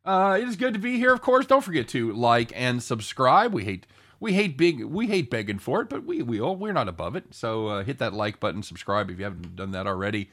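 A man's voice: mid-range voice, big pitch swings, a little fast, a bit bright. A man hosting a live sports betting show in casual, jokey banter, irreverent and given to casual swearing.

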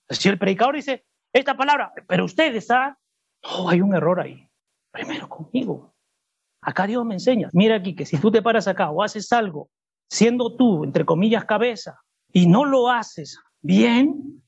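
A man with a husky, high-sitting voice preaches a sermon to his congregation during a church service. He presses his points emphatically and throws rhetorical questions back at the room. The audio sounds muffled and dull.

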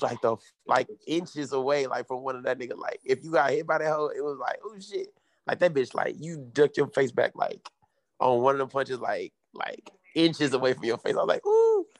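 A man's voice: mid-range voice, normal speed, no echo. A young man casually retelling events in sweary frat-bro slang, peppered with filler words. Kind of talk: casual chat, animated retelling.

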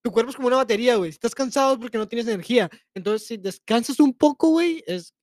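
A man's voice: very high voice, fast, dry recording, clean studio sound. A young man with a Mexican accent, co-hosting a crude, slang-heavy casual podcast chat and pushing his point insistently. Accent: Mexican Spanish. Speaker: podcast co-host.

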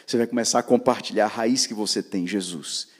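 A man with a Brazilian Portuguese accent preaching to young people, using repetitive call-and-response and swinging from loud declarations to soft storytelling. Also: fairly low pitch, brisk. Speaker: preacher at a youth gathering. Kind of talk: sermon.

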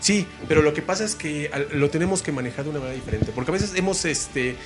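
A man's voice: on the high side, fast talker, over loud music. A Mexican man, a guest musician, telling rambling stories in casual chat with many restarts. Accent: Mexican Spanish.

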